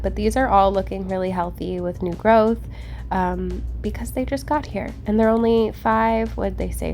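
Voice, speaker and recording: A woman's voice: mid-range voice, a little mellow. Woman, casual shopping vlog host, slangy and chatty, informal delivery, background music and hum.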